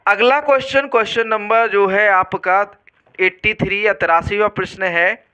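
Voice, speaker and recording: Male exam tutor, high clear voice, quizzing style. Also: fairly even intonation, normal speed, bright, forceful tone. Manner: quizzing, repeats questions back to students. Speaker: exam prep teacher. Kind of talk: online exam lesson.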